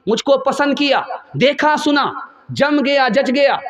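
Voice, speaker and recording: A preacher playing an eager young bride. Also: male voice, very high-pitched, unhurried, fairly bright tone, pitched above the performer's own voice. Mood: gushing.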